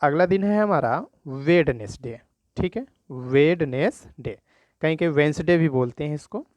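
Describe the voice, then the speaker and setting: A man teaching a children's spelling lesson, slowly spelling words letter by letter and often checking in with "thik hai". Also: on the high side, a little mellow, no echo.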